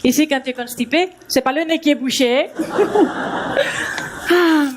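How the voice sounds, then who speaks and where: A young woman doing stand-up voices a cheerful Spanish woman teaching a French-language class with a Spanish accent, ribbing the live theatre audience in fun. Her voice is high-pitched and unhurried, with background noise audible.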